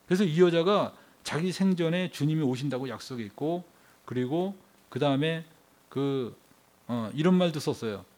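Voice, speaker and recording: Emphatic preacher man, slightly high voice. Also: animated, moderate pace. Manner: fires rhetorical questions at the congregation; emphatic, swings between hushed and raised delivery. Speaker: pastor. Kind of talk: sermon.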